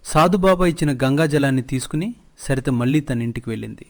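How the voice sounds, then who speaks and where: Steady male storybook narrator. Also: medium pitch, fairly quick.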